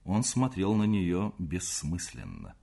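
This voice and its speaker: A man narrating a classic novel as an audiobook, in an expressive, dramatic reading. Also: deep voice, takes it slowly, creaky.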